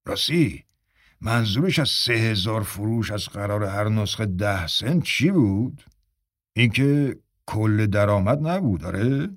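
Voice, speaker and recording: A man's voice: fairly low pitch, lively intonation, no room sound, clean studio sound. An actor playing a worried male employee who grumbles doubtfully about his pay in a radio drama.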